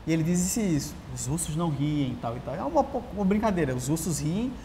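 Brisk and fairly high-pitched, a Brazilian journalist and writer in his thirties chats as an interview guest, animated and prone to beginning sentences again. The lapel-miked recording carries the long tail of an empty auditorium's reverb plus a faint hiss.

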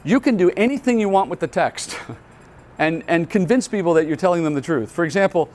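A man's voice: sits high, lively intonation, brisk, a little mellow. A male pastor giving a Bible teaching at a conference, explaining earnestly step by step and asking rhetorical questions. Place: conference hall.

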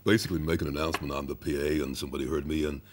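A man, a voiceover artist, chatting as a guest on a TV cooking show in a relaxed way. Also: rumbling low, rapid-fire. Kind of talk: studio chat. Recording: TV studio with background noise.

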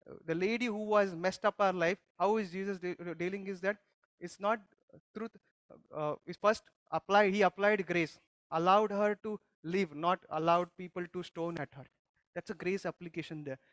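A man with a high voice preaches a conversational church sermon. He often stops to put questions to the congregation and restarts his sentences as he goes. His voice sounds dry and close. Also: a bit bright, dry recording. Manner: teaching with frequent questions to the congregation and many restarts. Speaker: pastor. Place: church service.

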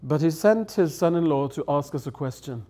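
A middle-aged native English speaker appears as a guest elder at a table on a studio set hung with dark curtains, relating anecdotes conversationally. His fairly high voice is expressive and dark in tone, moving at a moderate pace as he laughs and dramatizes quotes.

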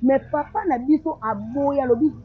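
A woman's voice: sits high, moderate pace, slight background noise, close to an everyday voice. An actress playing a defensive young woman who repeats herself, in a film drama with dull lo-fi sound. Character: defensive young woman avoiding family trouble. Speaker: sister of the bride.

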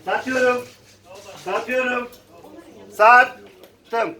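A man's voice: very high voice, steady tone, drawn-out words, pushed and bright. A man working as a live auctioneer, calling out bids in repetitive, chanted phrases. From Turkey, Konya region. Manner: repetitive chanted bid calls. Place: echoey auction room with audience. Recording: echoey hall, distant mic, crowd chatter.

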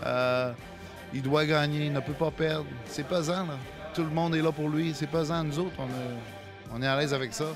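A boxing trainer with a Quebec French accent speaks emphatically, repeating his key point. His voice sits slightly high, with music clearly underneath. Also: moderate pace. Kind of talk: casual interview.

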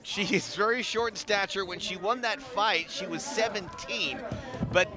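Male play-by-play fight caller, distinctly high register, broadcast with clear music behind. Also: normal speed. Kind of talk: live sports commentary.

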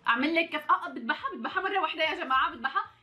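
Young Levantine woman vlogger, bright and fast, animated and teasing, faint music behind. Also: high-pitched. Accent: Levantine Arabic. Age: 20s. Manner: animated, teasing, mock-angry outbursts to viewers. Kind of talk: playful gameplay commentary.

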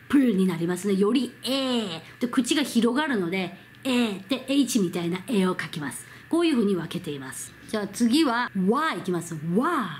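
A Korean woman teaching Hangul to learners in Japanese, repeating each sound slowly and drawing it out. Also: fairly high pitch, slight background noise. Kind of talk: slow, careful pronunciation lesson.

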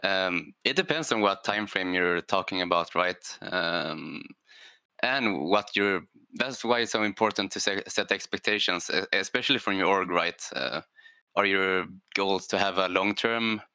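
Man, deep and bright-edged, talking on a gaming panel; thoughtful, hesitant, lots of "um" and "right?". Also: unhurried, clear, resonant tone, no echo. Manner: thoughtful, hesitant, with many fillers and "right?" tags. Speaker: esports player on a structured team. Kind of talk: panel discussion on a gaming show.

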